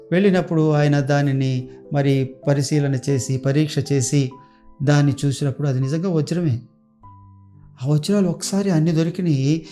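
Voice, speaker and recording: A male pastor preaching earnestly, telling a story and leading a prayer. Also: a little high. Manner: earnest, repetitive exhortation, storytelling. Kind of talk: sermon and prayer. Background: soft guitar music.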